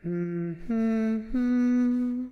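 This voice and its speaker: A man voicing an eager young male creature with a tail, chanting in a sing-song way and crying out in excitement. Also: high-pitched, very slow, dry recording, muffled recording, voice pushed up, full character voice.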